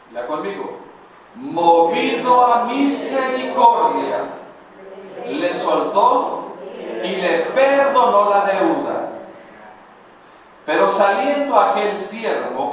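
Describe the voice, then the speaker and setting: Slow-preaching pastor in a booming, echoey church. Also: male voice, a bit bright, distant mic, a little hiss or hum. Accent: Mexican Spanish. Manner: reads scripture slowly, pausing to quiz the congregation. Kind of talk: sermon with congregational call-and-response. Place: church sanctuary.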